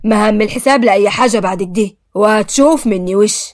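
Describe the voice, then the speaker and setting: A woman's voice: on the high side, fairly even intonation, natural voice. A woman voicing a stern, jealous Upper Egyptian husband with an Upper Egyptian accent who speaks harshly and threateningly in a storybook reading. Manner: harsh, threatening, slow and heavy.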